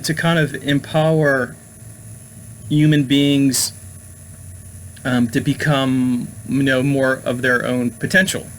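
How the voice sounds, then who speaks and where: A man's voice: medium pitch, fairly bright tone, a little hiss or hum, poor audio. A man hosting a casual talk on the occult, meandering with many fillers and restarts. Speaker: host.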